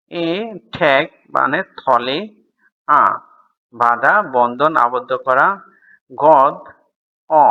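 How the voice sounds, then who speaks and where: Bright-voiced man teaching grammar. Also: on the high side, highs cut off. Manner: explains step by step, asks and answers his own questions. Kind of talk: textbook grammar lesson.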